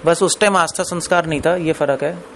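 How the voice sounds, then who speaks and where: Conversational male preacher, slightly high voice. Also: fairly even intonation, brisk, vocal fry, a bit bright, slight background noise. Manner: conversational, asks the audience questions; mixes English phrases into Hindi. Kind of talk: Hindi scripture discourse.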